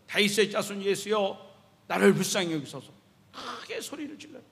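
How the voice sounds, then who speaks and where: In an echoey church sanctuary, a male pastor preaches to his congregation, speaking animatedly and repeatedly posing questions to them. His voice is very high and a bit bright.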